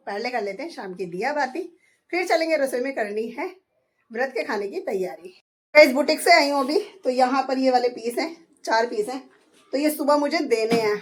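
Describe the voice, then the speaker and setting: A hoarse woman in her thirties chatting through a home vlog, describing her chores step by step. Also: high voice. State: hoarse, voice going. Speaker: vlogger. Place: at home, indoors.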